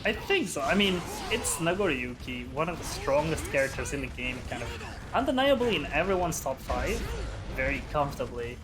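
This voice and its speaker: Guy breaking down fighting game plays, bit higher voice, game music behind. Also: very animated, moderate pace. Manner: analytical, talks through the players' options. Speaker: commentator.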